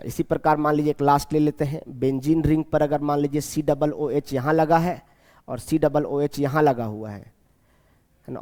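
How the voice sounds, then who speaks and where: A man teaching a chemistry class, repeating key terms slowly and asking his students questions as he goes. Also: on the high side, darkish tone, big-room sound. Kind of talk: classroom lecture.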